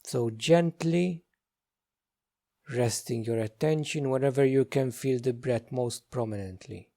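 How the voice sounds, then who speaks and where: Speaking as a meditation teacher, this man uses a mid-range voice touched with vocal fry. His guidance comes softly, in brief, leisurely phrases with frequent pauses.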